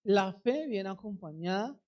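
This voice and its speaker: A woman's voice: mid-range voice, expressive, unhurried, lo-fi sound. A middle-aged woman preaching a sermon, urging the congregation directly and acting out quoted voices.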